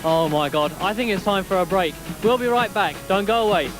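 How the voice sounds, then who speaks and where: A man's voice: sits high, brisk, over music. A man co-presenting a TV programme outdoors in a city square, with chatty, upbeat banter.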